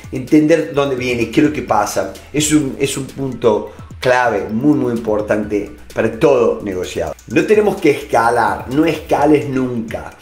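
A man's voice: medium pitch, echoey room. A middle-aged man with a Rioplatense Spanish accent, giving a motivational lesson on negotiation and addressing the listener directly with many filler words. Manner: direct second-person address, frequent "este" fillers. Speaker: negotiation instructor. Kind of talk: motivational lecture.

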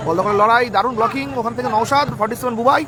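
A man giving frantic live football commentary outdoors, excitable and repeating names and exclamations. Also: very high voice, rapid-fire. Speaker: live football match commentator and stream host. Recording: noisy outdoor ground with loud crowd. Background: loud crowd and outdoor noise.

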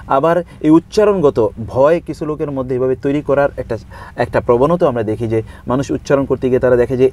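A man speaking as a religious scholar in an interview, explaining scripture in steady listed points, reciting verses in Arabic and dropping in English words. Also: mid-range voice. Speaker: Islamic scholar guest.

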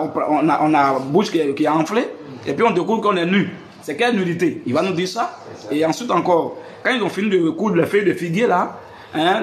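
A man's voice: high-pitched, slight background noise. A man hosts a live religious debate, asking rhetorical questions and repeating "hein". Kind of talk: live stream preaching to followers.

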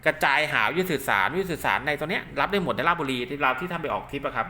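Speaking very fast in a fairly high, pushed and bright voice, a maker of radio link cables demonstrates his product informally and hands-on. His delivery is animated and repetitive, with plenty of polite tags. The recording has clear background noise.

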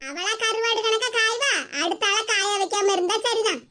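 A woman's voice: very high-pitched, normal speed. A woman voicing a friendly, gossipy village neighbour in a cartoon, with a Tirunelveli Tamil accent. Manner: gossipy, teasing. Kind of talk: cartoon voice acting. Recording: noisy cartoon audio.

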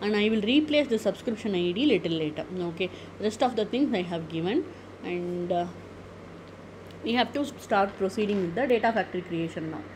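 A woman narrating a screen-recorded software tutorial, methodical and step-by-step, with frequent "okay" and "uh" fillers. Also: mid-range voice, expressive, moderate pace. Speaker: tech tutorial presenter. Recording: noticeable background noise.

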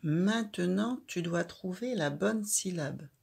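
Woman reading teacher, very slow delivery, gravelly edge, calls out syllables with emphasis. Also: on the low side, expressive. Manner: slow, clear, stressing each syllable loudly. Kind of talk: children's reading lesson.

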